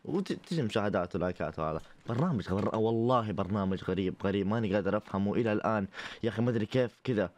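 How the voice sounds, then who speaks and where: A man's voice: on the low side, animated, very fast. A man with a Saudi accent hosting a reaction show, making wry, incredulous comments about online clips. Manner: wry, incredulous asides with mock disbelief. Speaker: host reacting to TikTok clips. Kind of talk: casual comedic commentary.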